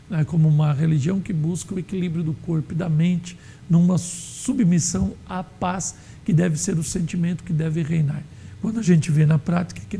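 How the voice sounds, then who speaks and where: Male Bible teacher from Brazil, gravelly and dark-toned, measured lecture with fillers. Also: fairly high pitch. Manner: measured, explanatory, with many fillers. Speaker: Sunday school teacher.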